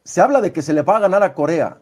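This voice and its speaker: A man's voice: high-pitched, lively intonation, fast talker, darkish tone, husky. A man with a Mexican accent giving emphatic, opinionated sports analysis on a live show. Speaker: sports pundit.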